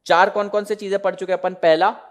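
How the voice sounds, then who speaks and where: A man's voice: sits high, little pitch movement, quick pace. A young man giving a classroom lecture as an exam tutor, explaining concepts with humorous everyday examples and frequent questions to students.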